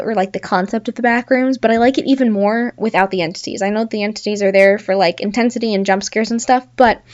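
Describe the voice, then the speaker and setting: A woman's voice: mid-range voice, lo-fi sound. A young woman hosting a casual solo talk show, chatting and laughing at her own examples. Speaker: podcast host.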